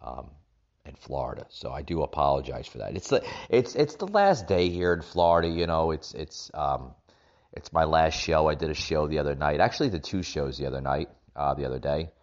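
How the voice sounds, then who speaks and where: A man with a deep voice delivers political commentary as a podcast host. He talks in a halting way and repeats phrases to drive points home. The sound is echoey and somewhat dull, like a makeshift setup in a rental room. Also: expressive, a little mellow. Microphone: makeshift setup without usual equipment.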